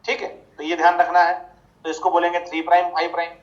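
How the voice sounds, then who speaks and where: A man's voice: fairly high pitch, completely flat delivery, quick pace. A man teaching a biology class online, asking rhetorical questions and answering them himself, repeating the key points. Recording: slightly dull lo-fi audio.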